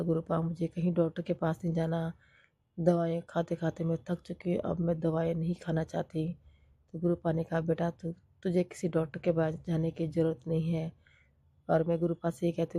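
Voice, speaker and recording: A middle-aged woman with a hoarse voice from a cold, sharing a devotional gratitude testimony and repeating her prayerful thanks again and again. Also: lowish voice, completely flat delivery, brisk, mellow, no echo.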